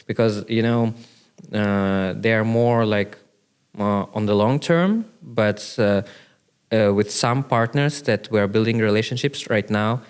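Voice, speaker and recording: In this relaxed interview, the podcast guest, a Russian business owner and native Russian speaker, sounds hesitant. His low, smooth voice comes in short bursts, peppered with fillers like "uh" and "like."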